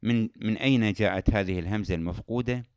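A man gives a patient lesson on recitation rules, often repeating key terms. His voice is smooth and resonant, and the recording is dry with no room sound. He chants verse examples slowly and melodically. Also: on the low side, a little mellow, dry recording, muffled recording. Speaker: Quran recitation teacher. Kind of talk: tajweed lesson.

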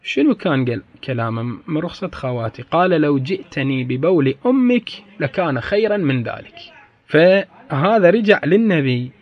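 A man's voice: on the high side, lively intonation, fairly quick. A man giving a classroom lecture as a religious teacher, repeating key phrases for emphasis and turning to his listeners directly. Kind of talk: classroom lecture on grammar and hadith. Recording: dull lo-fi recording.

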